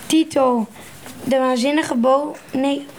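A young girl hosting a book podcast and reading a story aloud slowly and carefully. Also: high-pitched, fairly even intonation, darkish tone. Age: child. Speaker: podcast host.

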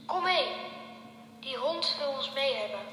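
A woman's voice: high voice, lively intonation, measured pace, sharp tone, heavily acted. A woman reading aloud the lines of Gees, an eager boy who is out of breath, in a simple storybook style. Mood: urgent. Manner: read-aloud dialogue. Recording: echoey hall, faint hum.

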